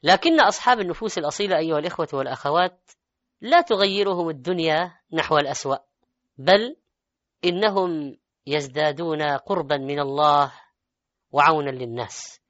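A man preaching in formal standard Arabic, with an eloquent, measured and rhetorical sermon delivery. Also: a little high, animated, fairly bright tone, dry recording, dull audio. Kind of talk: formal religious sermon with recitation of scripture and verse.

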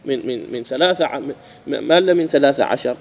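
A man teaching a grammar lesson, asking his students questions and repeating key phrases slowly. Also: medium pitch, lively intonation, a little mellow, slight background noise.

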